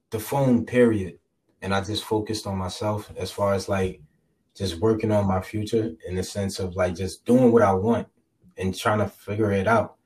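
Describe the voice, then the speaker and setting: A man's voice: lowish voice, a little mellow, distant mic, poor audio. A man in his twenties from Jersey City, answering casually and reflectively as a podcast guest. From Jersey City, USA. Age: 20s.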